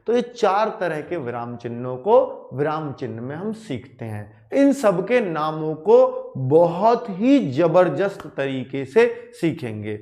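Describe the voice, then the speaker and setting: A man's voice: a little high, a little mellow. A man teaching a Hindi grammar lesson for exam students, calling them children and repeating key points with checking questions. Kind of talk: classroom lecture to exam students.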